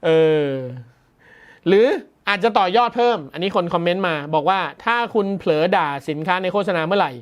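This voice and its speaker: A man's voice: high voice, fairly quick. A man hosting a tech news show, commenting in a chatty, amused way and laughing often as he reacts to the story.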